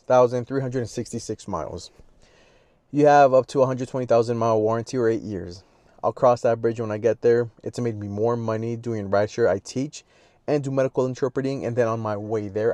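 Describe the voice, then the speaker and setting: In a casual camera vlog from a public car charger outdoors, a Mexican-accented man rambles and makes fun of himself. His mid-range voice is mellow and a little fast, with no room sound.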